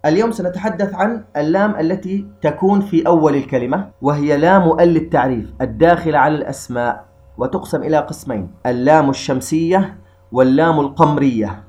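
A man teaching Quran recitation rules in a calm, methodical lesson. He slows down to recite the verses. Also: on the high side. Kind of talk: explanatory tajweed lesson.

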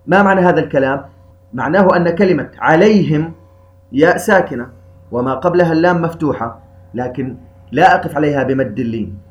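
A man with a somewhat raised voice leads a recitation lesson. He moves through each rule step by step and asks questions before answering them. His manner is methodical and instructive. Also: fairly high pitch. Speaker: Quran recitation teacher.

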